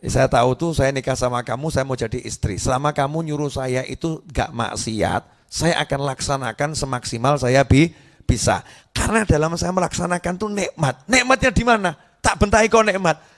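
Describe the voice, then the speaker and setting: A man voicing a soft-spoken, patient wife. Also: on the high side. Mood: gentle. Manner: soft, gentle, measured. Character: patient devout young wife, calm.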